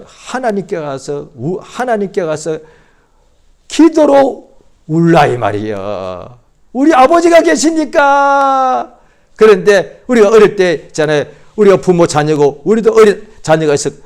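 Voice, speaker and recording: A male pastor preaching at a Friday prayer meeting, swinging from loud surges to hushed drops and repeating phrases for emphasis. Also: sits high.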